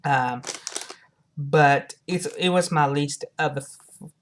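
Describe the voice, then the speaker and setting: There's a little hiss or hum as a low-voiced woman casually reviews a product for viewers. Her speech is halting, full of repeated and reworded phrases.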